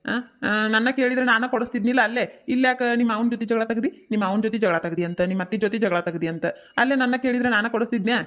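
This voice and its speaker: A performer voicing a soothing village father in a cartoon comedy, coaxing and calming the others with a North Karnataka accent. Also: medium pitch, racing, close to an everyday voice. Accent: North Karnataka Kannada.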